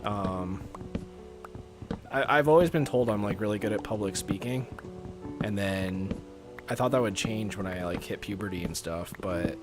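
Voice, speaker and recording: Streaming a game, this young man with a North American accent rambles through casual chat, packing in "like" fillers and laughing often. He speaks at a moderate pace with frequent pauses, in a low, natural, chill voiceover tone, over background music.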